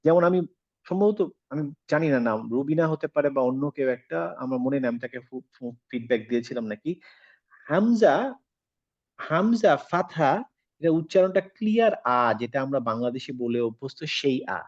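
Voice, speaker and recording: A man teaching an online tajweed class, explaining slowly, mixing in English words and modeling the sounds aloud. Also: fairly high pitch, no echo, lo-fi sound. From Bangladesh.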